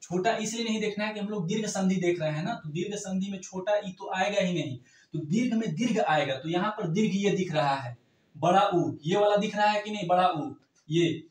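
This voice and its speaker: A man's voice: sits high, a little fast, recorded from a distance. A man teaching an exam-prep grammar lesson, explaining step by step and checking in with the class often. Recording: echoey room, voice off-mic.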